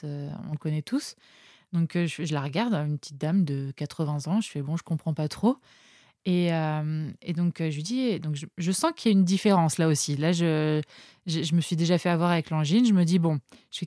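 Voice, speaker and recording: A woman's voice: deep voice, mellow, no echo. A French woman, a nurse guest in a podcast studio, telling anecdotes casually with many hesitant fillers. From France.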